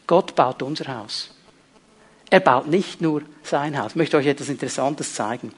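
A man preaching a sermon as a pastor. He talks emphatically, repeats key phrases, and swings between loud, lively passages and hushed, earnest ones. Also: on the high side, moderate pace, slightly rough.

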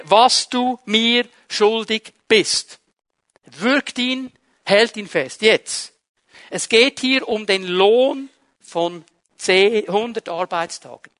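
High, bright-voiced male preacher, dry sound. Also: no room sound. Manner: dramatic retelling of a parable, swinging from loud emphasis to low near-whispers; repetitive rhetorical emphasis, addresses listeners directly. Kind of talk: sermon.

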